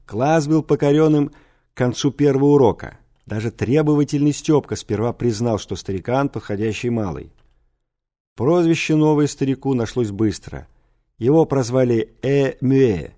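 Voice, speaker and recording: A man reading a novel aloud as an audiobook narrator, in an even storytelling delivery. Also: medium pitch. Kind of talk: scripted narration.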